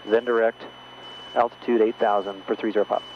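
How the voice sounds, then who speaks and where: Male pilot on headset, steady checklist delivery, slightly muffled cockpit audio. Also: fairly low pitch, a little fast. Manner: calm, methodical checklist talk. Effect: pilot talking over a cockpit headset intercom. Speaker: private pilot. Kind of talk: narrating a flight and radioing air traffic control. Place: small plane cockpit. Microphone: headset mic. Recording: muffled headset audio with faint engine hum.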